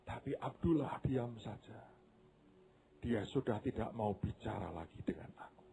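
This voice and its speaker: A preacher voicing a grieving, vengeful middle-aged mother who shouts and weeps in a retold story. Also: very high voice, expressive, normal speed, a little hiss or hum, voice pushed up. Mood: weeping. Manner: shouting, tearful outbursts.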